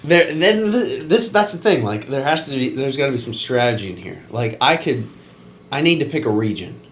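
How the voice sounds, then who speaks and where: A man's voice: medium pitch, moderate pace, a little hiss or hum. A young man co-hosting a youth video series, bantering playfully over a dart game and laughing often. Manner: animated, laughing, shouts in excitement.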